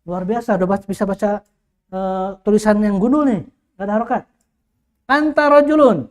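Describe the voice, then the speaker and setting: A man's voice: sits high, fairly even intonation, fast, mellow. A male teacher leads an Arabic grammar lesson. He quizzes his students constantly with short questions and repeats the key words until they stick.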